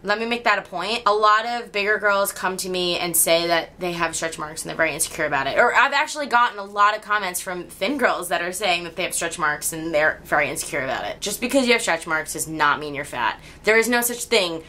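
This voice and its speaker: A woman's voice: on the low side, animated, fairly quick, few pauses, bright, forceful tone. A young woman with a regional American accent talking candidly to her camera in a personal vlog, laughing often. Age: young adult. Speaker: YouTuber.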